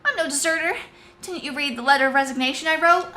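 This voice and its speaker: Casting: woman voicing a high, bright, stammering young knight girl, nervous and flustered. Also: fast talker.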